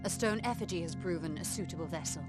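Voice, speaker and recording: In scripted video game dialogue, a woman voices a scholarly, confident mage who explains things in formal, articulate language, her mood measured and explanatory. Her natural voice is on the low side and fast, heard over loud music.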